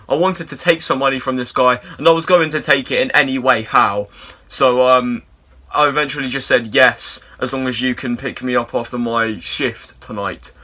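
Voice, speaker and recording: Young guy, bright voice, mid pitch, telling a silly tale with casual swearing and dry humor. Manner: rambling, sweary, deadpan absurd humor. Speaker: storyteller. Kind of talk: comic storytime monologue.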